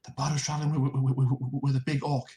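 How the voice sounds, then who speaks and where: A man playing a tabletop role-playing game, talking casually in halting, stammered repeats. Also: mid-range voice, flat delivery, warm tone.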